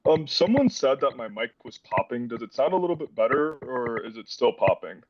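A man's voice: mid-range voice, very animated, a little fast, dry recording. A man in his twenties from the Dominican Republic, presenting a student project on a video call in a casual way, with lots of "like" fillers. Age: 20s. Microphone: headset on a video call. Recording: dull, distant video call audio.

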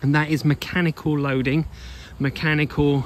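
A running coach and blogger records an unscripted walking vlog outdoors on an open sandy beach, his fairly high voice flat in delivery and normal in speed. Emphatic and instructive, he keeps repeating a phrase while working through his point, with loud beach ambience in the background.

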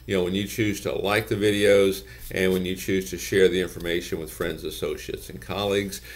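A man in his sixties speaking to a desk webcam from his office, giving earnest business advice that leans on "you know" and repeated phrases. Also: on the low side. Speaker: gym business consultant. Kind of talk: direct-to-camera advice talk. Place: office with bookshelves, indoors.

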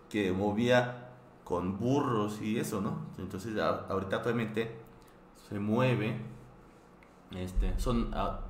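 A man from Korea, teaching a live online language class, patiently repeating words with frequent restarts and fillers. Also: on the low side. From South Korea. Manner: patient, repeats each word slowly several times. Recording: echoey room with faint background noise.

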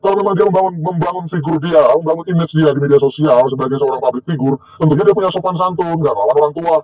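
Vlogger, male, middle-aged, husky, sneering and taunting, self-shot outdoors, muffled lo-fi sound. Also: a little high, fast, darkish tone. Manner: mocking, scornful, taunting with laughs. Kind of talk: casual rant to camera. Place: outdoors by a tree near a corn field. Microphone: self-recorded on a handheld camera or phone.

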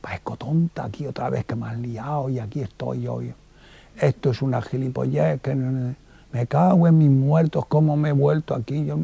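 A man's voice: fairly high pitch, fairly even intonation, moderate pace, creaky, husky. A man voicing a grumbling woman who mutters insults at herself under her breath, a whispered role-play. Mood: self-scolding. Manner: hushed, self-scolding mutter.

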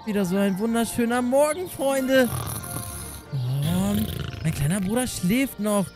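A man with a high voice narrates his own Minecraft role-play adventure, giving quick orders and speaking straight to his audience. He talks with urgency and a lot of energy. Light music plays underneath. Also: animated. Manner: urgent, directing others. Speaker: YouTuber and narrator.

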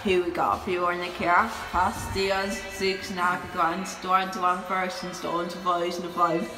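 A man's voice: high-pitched, level tone, a little slow, music in the background. A man filming on a phone indoors, giving casual running commentary in short, simple, clipped remarks. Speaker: amateur elevator video maker. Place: small elevators and car park lobbies indoors. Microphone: handheld phone. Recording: echoey lift cabin and lobby.

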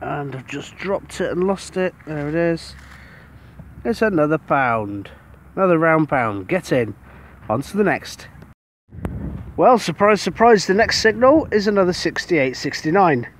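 A British man, a metal detectorist, giving casual commentary to the camera outdoors on a beach as he digs up each find and gets excited about it. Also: a little high, unhurried, slight background noise.

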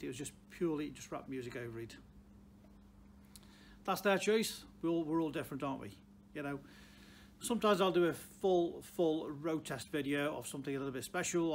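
A man in his sixties with a Stoke-on-Trent Potteries accent, giving plain-spoken, unscripted advice to camera as a car dealer, with emphatic repeated phrases. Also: a little high. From Stoke-on-Trent, England. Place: large indoor car showroom. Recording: clear background noise, showroom ambience.

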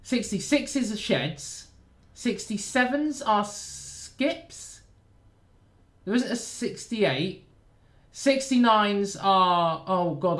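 A high-pitched man from southern England with a nasal accent rambles over gameplay as a train sim YouTuber. His casual commentary is self-deprecating and full of jokey asides.

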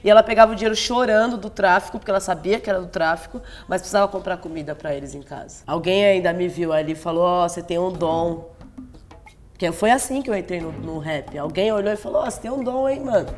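Fast-talking emphatic young woman. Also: fairly low pitch, faint music behind. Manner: emphatic, chimes in often. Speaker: rapper in a panel discussion. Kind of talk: casual round-table discussion.

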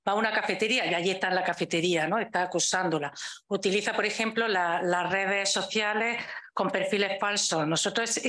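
A woman's voice: medium pitch, a bit bright. A woman with a Spanish accent giving a conference talk on law, explaining points with frequent rhetorical questions. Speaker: legal expert speaker. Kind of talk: conference talk over video.

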